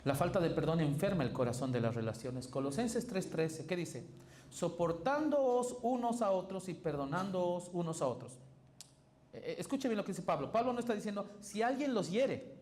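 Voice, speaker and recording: A man's voice: sing-song, normal speed, a little mellow. Emphatic male pastor in echoey church. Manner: emphatic preaching with big pitch swings and quoted dialogue. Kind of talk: sermon. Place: church sanctuary. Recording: echoey church hall with faint noise.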